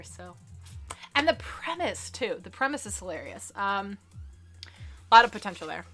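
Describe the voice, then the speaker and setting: A woman's voice: medium pitch, pushed and bright. A woman hosting a casual live-streamed entertainment news show, chatting loosely with lots of fillers and reading out viewer comments. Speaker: livestream entertainment news host.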